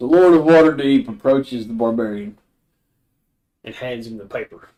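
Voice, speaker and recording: A man narrating a tabletop game as game master, improvising haltingly and correcting himself as he goes. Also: mid-range voice, warm tone, rough recording.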